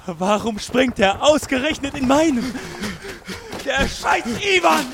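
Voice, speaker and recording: A man playing a gravelly haunted army doctor. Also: sits high, expressive, over a noisy crowd, full character voice. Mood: bitter. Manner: brooding, slow inner monologue, breaking into desperate pleading. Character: haunted male army doctor, guilt-ridden and tormented. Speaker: army doctor in a hospital train. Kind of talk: first-person audio drama narration.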